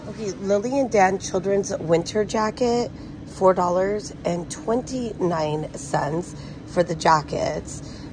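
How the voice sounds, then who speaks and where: With a lowish voice, an adult woman who has a son chats to her handheld phone camera while browsing a discount supermarket aisle, enthusiastically calling out bargains. It's a rough recording with store noise in the background.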